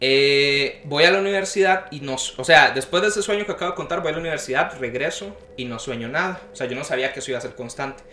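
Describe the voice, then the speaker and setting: Young adult male storyteller, animated, acts out quoted voices, slightly high voice. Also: quick pace, hardly any pauses. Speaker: podcast guest telling a story. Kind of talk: casual storytelling chat. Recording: roomy echo.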